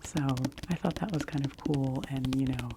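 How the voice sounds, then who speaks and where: A woman giving an ASMR book review in a hushed library whisper that slips into very soft speaking. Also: extremely low pitch, moderate pace, gravelly. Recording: noisy close recording with clicks and tapping.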